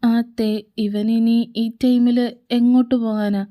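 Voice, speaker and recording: A woman voicing a patient young man who reasons gently with his friend in a fan audio drama. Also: fairly high pitch, level tone, takes it slowly. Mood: calm.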